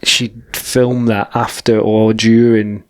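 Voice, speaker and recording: A man's voice: on the low side, little pitch movement, slow, clear, resonant tone. A young man co-hosting a casual podcast over drinks, rambling easily and laughing often. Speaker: podcast co-host.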